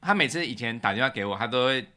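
A man co-hosting a casual chat podcast with his wife, chatty and quick to laugh. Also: mid-range voice, animated, pushed and bright, slight background noise. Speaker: podcast co-host.

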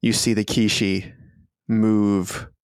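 A man narrating as game master of a tabletop game, slow and often laughing. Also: fairly low pitch, level tone, clean tone, no echo, clean studio sound.

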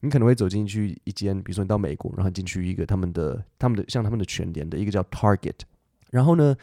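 A man hosting a casual podcast lesson. He chats in a relaxed way, thinks aloud with fillers and restarts, and reads English text slowly and carefully. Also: deep voice, creaky, no room sound, clean studio sound. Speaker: English teacher podcast host.

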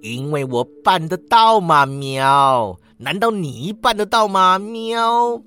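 A man's voice: a little high, sing-song, unhurried, a bit bright. A man reading a story, voicing a smug, lazy male talking orange cat that ends its lines with a meow.

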